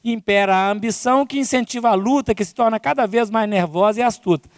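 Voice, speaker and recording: A fast-talking man with a high voice and a Brazilian accent gives a spiritist talk at a conference, peppering his sentences with "né?" and "não é?". The recording is studio quality, with long reverb from the large conference hall.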